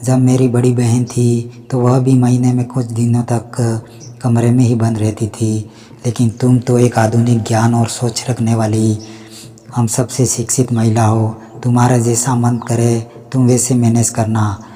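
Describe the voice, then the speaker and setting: Man voicing an evasive young husband, dark mellow voice, storybook reading. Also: mid-range voice, monotone, a little slow, in a large hall, close to an everyday voice. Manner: plain, level delivery.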